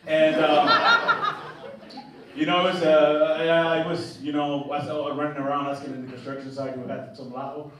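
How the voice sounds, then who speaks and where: Over crowd noise, a young man with a Mexican accent performs stand-up in a theatre, his fairly high voice flat and his pace moderate. He's casual and chatty, fumbling restarts and laughing at his own jokes, with a distant mic in a noisy, reverberant hall.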